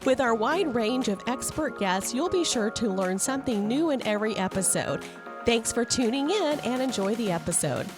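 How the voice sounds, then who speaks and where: A woman's voice: a little high, expressive, normal speed, music in the background. A woman hosting a podcast, reading a polished scripted introduction and asking interview questions. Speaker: podcast host, recruiter.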